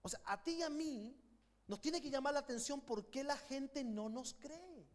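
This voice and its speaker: A man's voice: extremely high pitch, normal speed. A middle-aged man with a Chilean accent, preaching a sermon with passion and calling his congregation to repeat after him. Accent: Chilean Spanish. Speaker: pastor. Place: church sanctuary.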